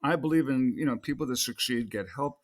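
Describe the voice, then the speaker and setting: A man's voice: medium pitch, a little fast. Rambling older man telling stories. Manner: rambling anecdotes with many restarts. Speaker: podcast guest, actor. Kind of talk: casual interview storytelling.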